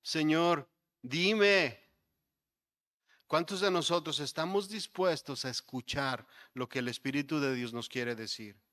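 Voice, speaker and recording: A male pastor preaching a sermon, building to emphatic points and dropping to soft, low asides. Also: normal speed, hardly any pauses. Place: church sanctuary.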